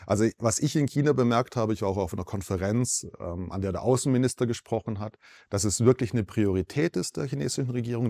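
A man in his forties, a foreign correspondent, answering interview questions in a measured, explanatory way with small self-corrections, in a TV studio. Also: lowish voice, darkish tone.

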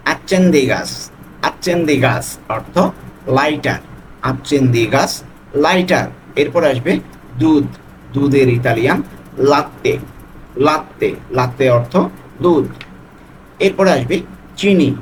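A man tutoring a vocabulary lesson, repeating each word slowly and patiently. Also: a little high, a little hiss or hum, poor audio. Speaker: language tutor.

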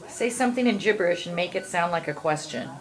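Reassuring mother with a lowish voice. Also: lively intonation, fast talker. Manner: gentle, reassuring, uses endearments. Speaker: mother looking after her son. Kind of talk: casual chat. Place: small dental clinic room.

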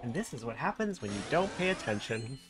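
Excitable streamer swearing at the game. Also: medium pitch, a little fast. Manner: excitable, swears often, laughs at own mistakes. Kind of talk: live gameplay commentary. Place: at home with a cat nearby.

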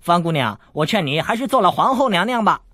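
男声扮演的爱逗人的少年小太监, 嗓音略沙哑, 录音干. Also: male voice, on the high side, sing-song, a little fast, fairly bright tone, no echo, studio quality. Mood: teasing. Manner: teasing, boastful, playful. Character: cheeky scheming teenage boy eunuch.

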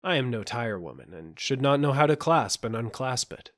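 A man's voice: mid-range voice, very animated, normal speed, fairly bright tone, no room sound, clean studio sound. A man voicing a steadfast young knight in an audiobook fairy tale, polite but firm.

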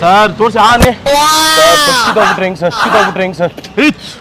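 A man, hosting a street prank and shouting repeated, urgent commands. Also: sits high, expressive, fast talker. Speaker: prankster host. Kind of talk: street prank, loud staged alarm. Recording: street noise clearly behind.

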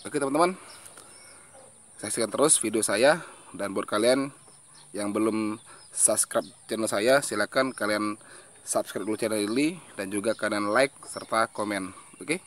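A man's voice: fairly low pitch, unhurried, pauses often, a bit bright, a little hiss or hum. Chatty man vlogging his backyard fish farm. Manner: chatty, explaining step by step, frequent "ya". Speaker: hobby guppy farmer and vlogger. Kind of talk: casual outdoor vlog narration. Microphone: handheld phone camera.

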